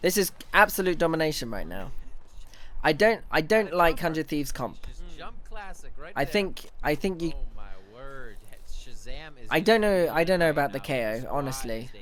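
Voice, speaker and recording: A man streaming live, breaking down an esports match in casual, excitable commentary through a headset mic, often restarting his sentences as he talks. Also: a little high, measured pace, long pauses. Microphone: headset mic on a livestream.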